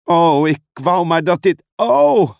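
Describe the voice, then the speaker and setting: A frightened little schoolgirl, the youngest sister, pitched high and breathless, as a man reads her. Her pleading lines swing up and down. The dry, close sound has no room in it. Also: sing-song, slow pace, vocal fry, dry recording, full character voice. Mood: panicked. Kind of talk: audiobook reading.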